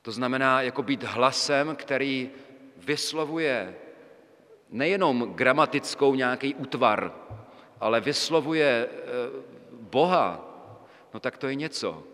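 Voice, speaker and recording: A man preaches a sermon at a mid pitch, talking in a loose, conversational way with many fillers and little tag questions. His voice hangs in the long reverb of a church. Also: a bit bright. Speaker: priest.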